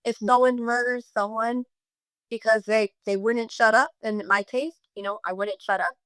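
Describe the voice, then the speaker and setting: A middle-aged woman telling a personal story in a podcast conversation, emotional and halting, quoting others as she goes. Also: on the high side, fairly even intonation, fairly bright tone, clear, resonant tone, dry recording. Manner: emotional, halting, with many restarts and quoted speech. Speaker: guest sharing her story.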